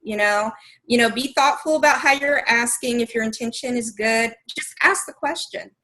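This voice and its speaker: A woman talking thoughtfully on a podcast, slow and searching for words as she explains her point. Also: fairly high pitch, bright, forceful tone, low-quality recording. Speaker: podcast co-host. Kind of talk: casual conversation.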